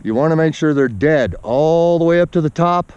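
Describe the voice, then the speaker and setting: A man's voice: a little high, moderate pace, a little mellow, smooth, no room sound. A man giving a casual, folksy, instructive walk-along narration outdoors, somewhat out of breath from hiking uphill. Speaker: outdoor vlogger. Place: outdoors on a snowy forested mountainside. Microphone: body-worn action camera. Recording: dull muffled action-camera sound, outdoor noise.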